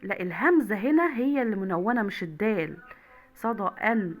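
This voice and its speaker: A young Egyptian-accented woman gives an online Arabic class to primary school kids, repeating words in a slow, clear way. Her pitch is medium and her intonation lively.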